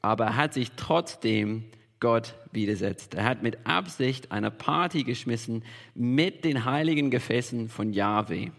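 A man's voice: medium pitch, animated, measured pace, creaky. A man preaching a sermon as pastor, emphatic and repeating key phrases for weight. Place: church hall. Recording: long reverb of a large hall.

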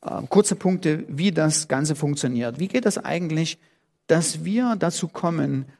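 A middle-aged man preaching a sermon as pastor, talking conversationally with many fillers and lively quoted voices. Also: on the high side, unhurried, vocal fry. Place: church hall. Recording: long reverb of a church hall.

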